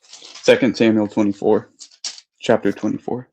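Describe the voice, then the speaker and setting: A man calling into a debate stream who speaks in a hesitant, halting way, full of fillers. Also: on the low side, flat delivery, a little mellow, a little hiss or hum. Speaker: caller. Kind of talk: casual debate chat. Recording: dull lo-fi call audio.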